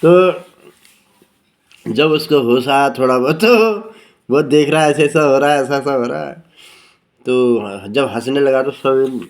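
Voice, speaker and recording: A man telling a folk story in casual speech, rambling and repeating himself, losing his thread and circling back, with quick pitch jumps when he quotes characters. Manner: rambling, repeats "bola" often, loses track and circles back.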